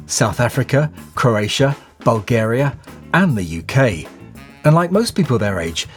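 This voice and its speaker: A man hosting and narrating a video in a measured, scripted way. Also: medium pitch. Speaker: host.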